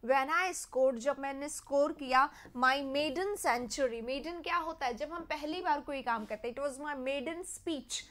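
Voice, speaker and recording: A young woman with an Indian English accent teaching English grammar in a live online class, mixing Hindi and English and reading example sentences slowly. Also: high voice, fairly bright tone. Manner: mixes Hindi and English, reads sentences slowly, quizzes viewers. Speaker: English teacher for competitive exams.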